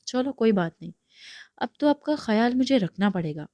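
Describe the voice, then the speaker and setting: A woman's voice: a little high, lively intonation, warm tone, dry recording, studio quality, pitched above the performer's own voice. A woman reading aloud, voicing a confident young male boss in a playful, self-assured way. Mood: teasing.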